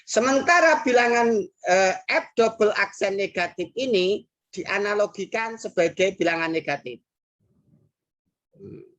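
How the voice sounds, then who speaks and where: Her voice medium-pitched, fairly bright, and lively in intonation, a woman with an Indonesian accent leads a recorded classroom math lesson at a measured pace. She patiently works through problems, repeats key phrases, and says "nah" and "hmm" a lot.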